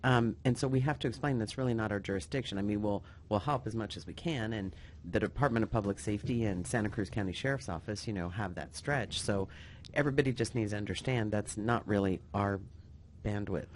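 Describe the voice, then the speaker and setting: A man interviewing a guest in a relaxed conversational way, explaining points plainly. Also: fairly low pitch, a little fast, a little hiss or hum. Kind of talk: casual interview talk.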